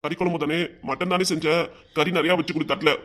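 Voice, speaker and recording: Lady doing a grumpy old grandpa always asking for food, southern tamil nadu accent, rattles off lines super fast. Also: low-pitched, fairly even intonation, very noisy, pitched below the performer's own voice, natural voice. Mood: demanding. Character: hungry, stubborn, hard-of-hearing old grandfather. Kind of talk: cartoon comedy voice acting.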